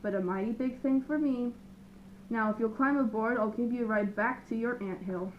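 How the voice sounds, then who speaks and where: A woman's voice: fairly high pitch, normal speed, a little hiss or hum, lightly acted. Jolly boastful male elephant read by a woman, storybook read-aloud, chuckling, muffled recording. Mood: grateful. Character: big cheerful self-satisfied male elephant.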